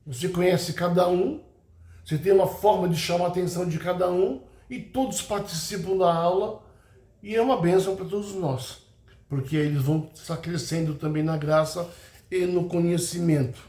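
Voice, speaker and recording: A man with a fairly high voice gives a church teaching talk about how to run a class. He speaks unhurriedly, often pausing with fillers and tag questions. The sound is echoey, as if recorded in a bare room. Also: fairly even intonation, dark tone. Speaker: Sunday school teacher trainer.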